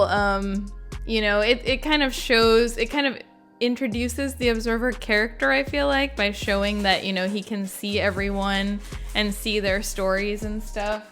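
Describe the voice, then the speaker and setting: A woman with a mid-range, fairly bright voice talks a little slowly as a gaming video creator, offering casual, unscripted commentary. She's chatty and informal, sprinkling in "like" and "you know," with faint music playing behind her.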